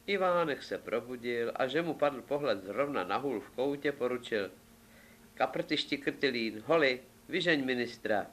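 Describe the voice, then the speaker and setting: A man reading a fairy tale aloud with lively, playful narration. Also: medium pitch. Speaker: storyteller.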